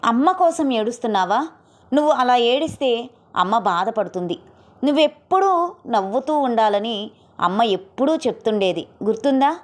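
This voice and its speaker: Woman voicing a remarried father, coaxing, awkward, hurried, storybook reading. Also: on the high side, expressive, close to an everyday voice. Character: remarried father, awkward but gentle with daughter.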